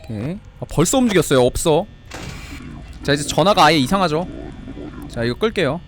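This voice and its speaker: A man giving lively horror game commentary, excitable and quick to yelp and plead when under pressure. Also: a little high, slight background noise. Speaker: game streamer.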